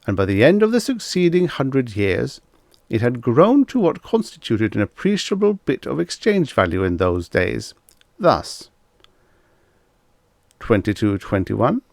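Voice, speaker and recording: In an audiobook story, a man plays a pompous professor from the future, lecturing in a didactic way with declamatory, deliberate emphasis. His voice is mid-range and creaky, heavily acted, with a dry, clean studio recording.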